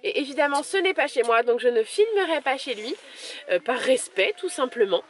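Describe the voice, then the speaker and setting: A woman's voice: high-pitched, lively intonation, normal speed, noisy background. A woman vlogging in a casual, chatty way, full of fillers and little restarts. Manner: chatty, filler-heavy, lots of "voilà". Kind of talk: casual vlog chat.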